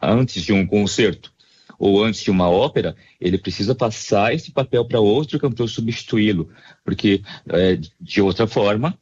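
Um médico otorrinolaringologista com sotaque brasileiro, explicando com calma e hesitações numa entrevista de rádio. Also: male voice, fairly low pitch, breathy edge, dull audio. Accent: Brazilian Portuguese. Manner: measured, explanatory, with frequent hesitations. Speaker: ear, nose and throat doctor, voice specialist. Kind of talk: explanatory radio interview answers.

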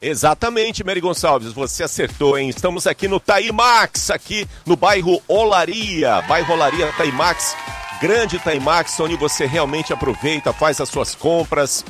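A Brazilian man with a fairly high voice reports live for radio in a promotional style. He is chatty and keeps urging listeners to come along, with faint music behind him. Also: lively intonation, measured pace. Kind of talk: live promotional broadcast from a shop.

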